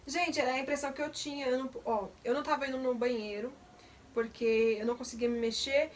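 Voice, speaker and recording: A woman's voice: sits high, steady tone, quick pace, distant mic, slight background noise. A young woman, candidly recounting a personal testimony in detail. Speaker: vlogger. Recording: voice a bit off the mic.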